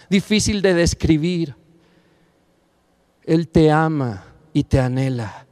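High-voiced, fervent male preacher. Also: clear, resonant tone. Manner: passionate, rising to near-shouts on key phrases; speaks directly to the listener. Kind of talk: sermon.

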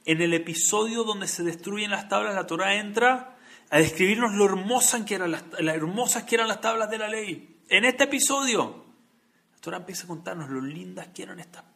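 Guy preaching a torah sermon, bright edgy voice, gets loud then goes quiet. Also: high voice, a little fast, gravelly. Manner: earnest, builds to emphatic peaks then drops to soft. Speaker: rabbi.

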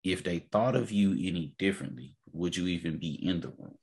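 A man's voice: sits low, a little fast, darkish tone, husky. A man in a casual, opinionated discussion, speaking emphatically, repeating his points and checking that the listener follows.

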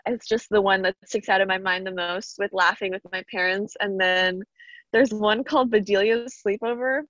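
A woman's voice: mid-range voice, fairly even intonation, normal speed, a bit bright, no room sound, lo-fi sound. A woman chatting as a podcast guest, bubbly and talkative with lots of fillers. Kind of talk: casual interview chat.

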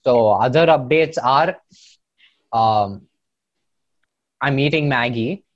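Young man, congested nose, podcast host, casual earnest chat, medium pitch, dull lo-fi sound. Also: slow pace, dry recording. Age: young adult. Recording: dry, dull lo-fi microphone sound.

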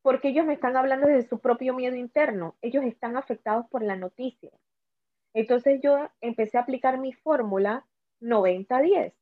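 A woman's voice: high voice, moderate pace, dry recording. A woman with a Panamanian accent talking earnestly about her illness, often repeating words. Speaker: cancer survivor guest. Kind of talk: conversational talk. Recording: tinny phone-like audio.

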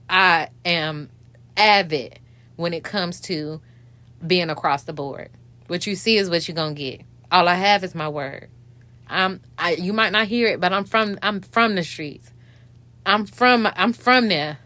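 A woman podcast host speaks in a frank, profanity-laced monologue, her voice choked up and hiccuping with emotion. Her tone is bright and forceful, pitched a little low. The sound is dry and close. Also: no echo. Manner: candid, profane street talk.

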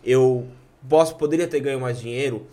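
A man's voice: medium pitch, normal speed, mellow. A middle-aged Brazilian man in casual conversation, speaking earnestly and reflectively about fatherhood. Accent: Brazilian Portuguese.

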